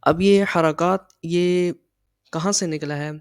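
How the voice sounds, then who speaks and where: A man teaching a Quran reading lesson, patiently explaining and slowly drilling syllables aloud. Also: high-pitched, fairly even intonation, smooth, dry recording.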